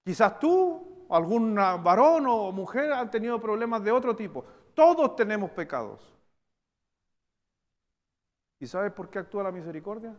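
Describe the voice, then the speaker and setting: Chilean male pastor, high voice, animated sermon delivery, long hall reverb. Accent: Chilean Spanish. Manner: animated preaching, swinging from loud emphatic bursts to slow quiet stresses. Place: church hall.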